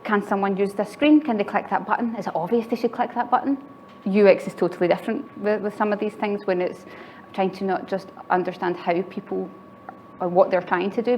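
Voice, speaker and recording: A woman giving a conference tech talk in a chatty way, often laughing lightly between phrases. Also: on the low side. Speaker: conference speaker. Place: conference venue with live audience. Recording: slightly muffled recording with faint background noise.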